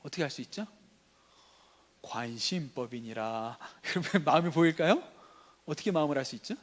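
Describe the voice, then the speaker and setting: A man's voice: on the high side, very fast. A man preaching a sermon as pastor, talking conversationally and asking the congregation rhetorical questions. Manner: conversational, acts out everyday dialogue. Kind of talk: sermon at a teachers' revival meeting.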